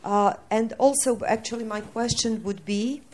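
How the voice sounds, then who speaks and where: A woman's voice: on the high side, normal speed, a little mellow, a little hiss or hum. A woman from Serbia, an activist in the audience giving an earnest, emphatic comment and question.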